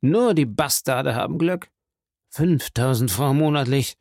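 A man's voice: mid-range voice, animated, unhurried, creaky, a little mellow, no echo, studio quality. A man voicing a greedy, scheming male ex-convict who needles and wheedles, in a storybook reading.

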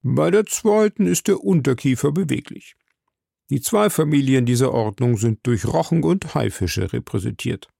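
Gravelly-voiced man reading a story. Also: medium pitch, lively intonation, normal speed, mellow, dry recording, clean studio sound. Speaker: audiobook narrator. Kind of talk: scripted narration.

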